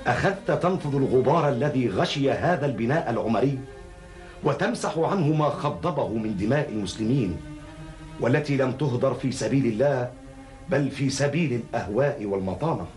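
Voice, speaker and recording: A man's voice: mid-range voice, lively intonation, brisk, a little mellow, faint music behind, natural voice. A middle-aged man playing an earnest, outspoken counsellor in a classical Arabic historical drama, speaking formally and with rhetorical emphasis. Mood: earnest, praising. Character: earnest, outspoken male counsellor questioning his caliph.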